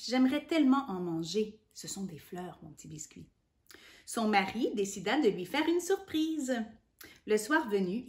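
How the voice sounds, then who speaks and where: A woman with a Québécois accent, hosting a children's story hour, reading a storybook aloud in an animated, sing-song way and talking directly to the child. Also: mid-range voice. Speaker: children's storyteller and channel host.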